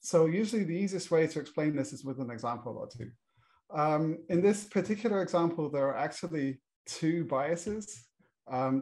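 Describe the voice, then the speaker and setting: A middle-aged man from Britain moderates a panel, introducing the topic with lots of fillers and restarts in a British English accent. His voice is fairly high with a darkish tone.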